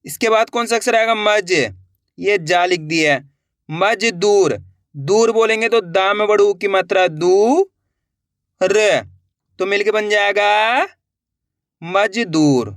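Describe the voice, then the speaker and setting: A man's voice: high voice, takes it slowly, fairly bright tone, no echo, clean studio sound. A man teaching how to write words letter by letter, repeating each word and answering his own questions. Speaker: Hindi writing teacher. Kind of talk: slow step-by-step spelling lesson.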